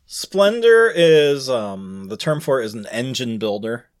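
A man's voice: medium pitch, big pitch swings, measured pace. A man co-hosting a podcast, chatting casually and explaining things in a conversational way. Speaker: podcast co-host.

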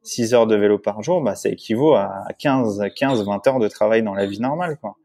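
Speaking as an interview guest, a low-voiced man tells a candid, emotional story in casual conversation at a moderate pace with a dark tone. His telling rambles, full of restarts, fillers, and frequent "tu vois."

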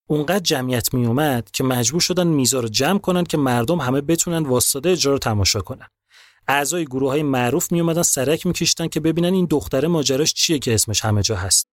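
A man narrating a podcast story in a casual, lively, colloquial way. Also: mid-range voice, dry recording, clean studio sound.

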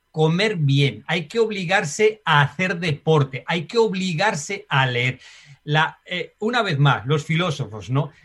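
A man's voice: a little high, a bit bright, slightly rough. A man with a Spanish accent talking reflectively as an interview guest, often tagging sentences with a questioning "right?". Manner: reflective, uses filler tags like "¿no?". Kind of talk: conversational interview.

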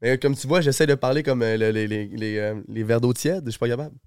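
A man's voice: medium pitch, quick pace, darkish tone, clear, resonant tone, no echo, clean studio sound. Québécois man with a worn-out voice. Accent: Québécois French. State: weak, worn-out voice. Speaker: guest, streamer. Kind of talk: casual podcast chat. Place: basement podcast room.

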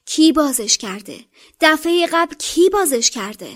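A woman's voice: high-pitched, sing-song, fairly bright tone, voice pushed up. A woman voicing an earnest, stubborn boy wizard who questions urgently, close to her own voice. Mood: insistent. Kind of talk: audiobook character voice.

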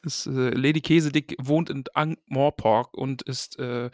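A man's voice: mid-range voice, fairly even intonation, unhurried, no room sound, clean studio sound. A man hosting a casual book-discussion podcast, chatty and reading short passages aloud.

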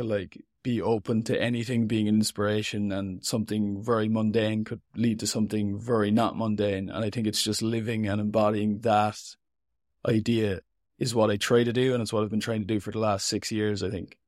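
A man's voice: lowish voice, level tone, moderate pace, a little mellow, no echo, studio quality. A man with an Irish accent giving an interview as a writer, talking in an informal, rambling, reflective and self-deprecating way. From Ireland. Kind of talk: casual, reflective interview talk.

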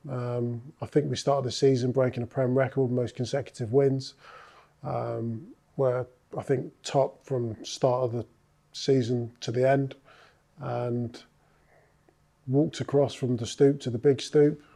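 A man's voice: mid-range voice, little pitch movement, measured pace, gravelly, mellow. A man, a former rugby player, recounting his career in a casual interview, thoughtful and full of filler sounds.

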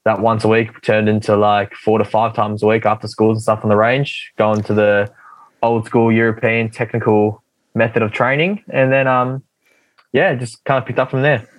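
The guest athlete's voice is on the low side and level in tone, at normal speed, with no echo but low recording quality. Originally a Russian speaker and from Australia, the young man chats casually on a podcast, easygoing and rambling with lots of fillers.

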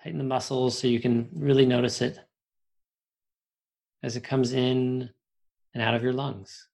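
Gravelly man leading a guided relaxation. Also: medium pitch, little pitch movement, darkish tone. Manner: soothing, unhurried instruction with long pauses.

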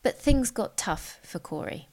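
A woman's voice: medium pitch, lively intonation, measured pace, a little mellow. A woman, hosting a podcast with scripted narration and interview questions. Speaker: podcast host.

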